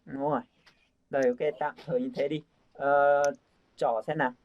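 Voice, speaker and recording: A man's voice: on the high side, little pitch movement, normal speed. A man teaching English pronunciation to a group, coaxing and repeating sounds over and over. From Vietnam. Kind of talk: casual group lesson. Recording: dull lo-fi sound.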